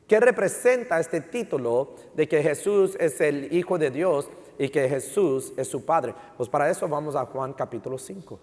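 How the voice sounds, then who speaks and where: With a fairly high, animated and slightly mellow voice, the preacher moves at a moderate pace with hardly any pauses. He mixes Spanish and English, repeats key phrases and asks the congregation rhetorical questions, his sermon echoing through a big church hall.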